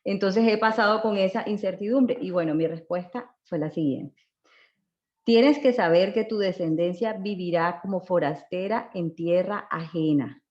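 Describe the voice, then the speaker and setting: A woman's voice: on the low side, normal speed, a little mellow, muffled recording. A woman with a Colombian accent, a mother, hesitantly sharing a personal prayer request in class, with many fillers. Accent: Colombian Spanish.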